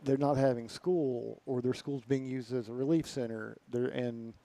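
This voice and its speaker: A man's voice: mid-range voice, fairly even intonation, moderate pace, gravelly, mellow, dry recording. A man hosting a sports radio show, asking friendly, conversational questions. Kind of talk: radio interview.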